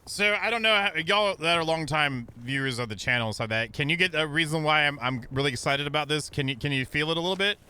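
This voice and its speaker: A man's voice: a little high, fast talker, few pauses, clear, resonant tone. A man streaming a video game, chatting playfully and joking with his viewers. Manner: playful, jokey, animated. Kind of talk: casual gaming commentary.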